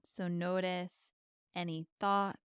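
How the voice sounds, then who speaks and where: A woman with a fairly low, clear voice leads a guided meditation as host. Her delivery is soft and soothing, unhurried, with long pauses. The sound is dry and close, with no room around it. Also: little pitch movement, dry recording.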